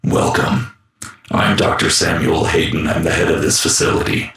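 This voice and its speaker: An ominous video game robot doctor, speaks extremely low and gravelly. The delivery is level and grumbly, run through a robotic filter with a tube-like echo. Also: male voice, little pitch movement, normal speed, fairly bright tone. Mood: ominous, composed. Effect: robot filter with small echoing tube reverb. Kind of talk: video game character lines. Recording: processed with small tube-like reverb.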